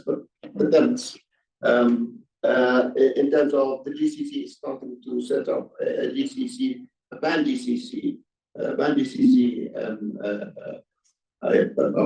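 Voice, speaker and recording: A man on a conference panel answering, halting and repeating words. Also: mid-range voice, steady tone, creaky, dark tone. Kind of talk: panel discussion. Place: conference room. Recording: dull, roomy distant hall audio.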